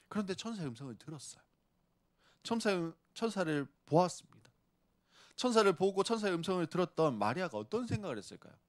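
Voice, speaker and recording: A man preaching a sermon as pastor, swinging between loud emphasis and hushed whispers and acting out quoted speech. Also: on the high side. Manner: acts out quoted speech of characters.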